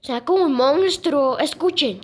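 A young girl casually presenting sound clips, pausing often and repeating "listen" and "I mean". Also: high voice, lively intonation. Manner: halting, repeats "escuchen" and "o sea". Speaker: video creator presenting moon sounds.

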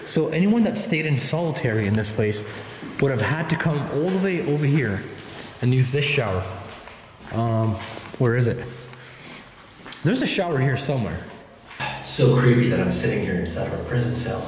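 A man's voice: mid-range voice, sing-song, moderate pace, pauses often, a little mellow, slight background noise. A man in his thirties casually narrating an exploration vlog as its host, talking to the camera. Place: small abandoned prison cells and corridors, indoors. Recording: very echoey concrete rooms, music bed. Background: clear background music.

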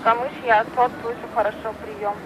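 A man's voice: very high-pitched, level tone, a little fast, a crowd in the background. A man answering test calls over a walkie-talkie in short, clipped radio-protocol replies. His voice comes from the handheld speaker and is picked up from a distance outdoors. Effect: voice heard through a handheld walkie-talkie speaker. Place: outdoors by a road.

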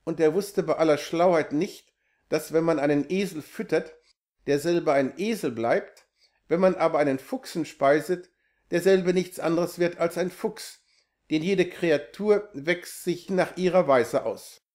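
Male reader for a classic fairy tale; measured, even storytelling, slightly raised pitch. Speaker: narrator. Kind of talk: scripted literary reading.

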